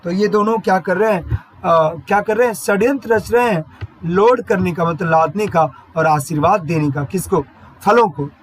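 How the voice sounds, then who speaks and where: A man teaching a lesson, explaining lines of a poem slowly and repetitively, asking questions and answering them himself. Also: high-pitched, poor audio. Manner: slow, repetitive explaining that asks and answers his own questions. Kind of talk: exam-prep lesson explaining English poetry. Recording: faint background noise.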